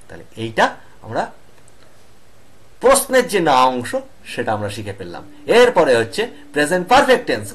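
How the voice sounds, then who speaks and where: Male grammar teacher, higher voice, lively pitch, drawn-out examples, online class. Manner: slow, drawn-out example sentences; keeps asking "all right?" to students.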